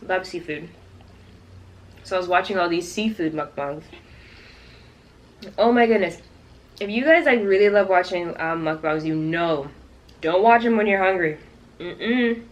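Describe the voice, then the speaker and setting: A woman's voice: fairly low pitch, expressive, normal speed, pauses often. A woman from Canada talking casually and directly to her viewers in a chatty storytime vlog. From Toronto, Canada. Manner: conversational, addressing viewers directly. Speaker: YouTube vlogger.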